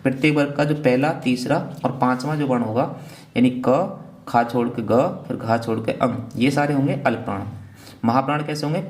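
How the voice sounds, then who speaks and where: Male teacher, gravelly voice, mid pitch, exam revision lecture; asks and answers his own questions. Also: a little mellow. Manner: repeats "theek hai na" as a check-in.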